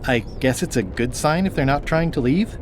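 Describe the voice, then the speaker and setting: A man's voice: mid-range voice, moderate pace, noisy background, natural voice. A man voicing an eager, wry, good-natured pirate adventurer in a video game. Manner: animated, wry.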